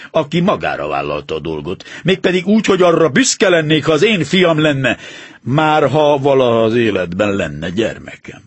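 Male reader as a stern, precise detective; measured authority, husky, lively delivery, dry close audiobook read. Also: fairly high pitch, dry recording. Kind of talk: audiobook reading.

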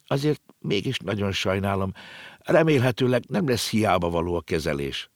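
A man's voice: no room sound, clean studio sound. A man voicing an earnest, know-it-all little girl in an audiobook reading. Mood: sorrowful. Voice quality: high, lively, explaining.

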